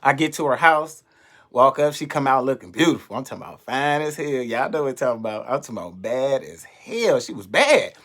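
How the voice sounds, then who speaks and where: A young adult man, a comedian, telling a story in an animated, profane way and acting out the voices of the people in it. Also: medium pitch, brisk. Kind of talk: storytelling monologue.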